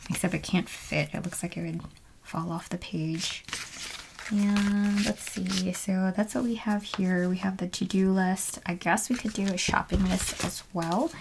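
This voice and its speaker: This planner video host has a gravelly, medium-pitched voice, and there's background noise as she crafts indoors at home. She chats casually and narrates as she works, musing to herself and often drifting into murmurs.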